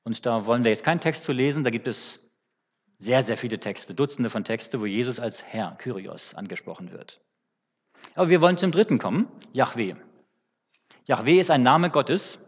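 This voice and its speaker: Husky male preacher, halting teaching sermon, booming church reverb, muffled lo-fi sound. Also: animated. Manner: unscripted, halting with fillers and restarts. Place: church hall.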